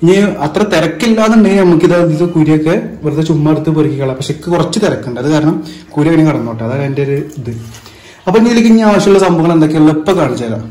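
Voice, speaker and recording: Male cooking vlogger, higher-pitched, Malabar Malayalam accent mixed with English, casual chat, echoey room. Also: very fast, a little mellow. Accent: Malabar Malayalam, northern Kerala. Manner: mixes English words and catchphrases into Malayalam. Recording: roomy, echoing indoor sound.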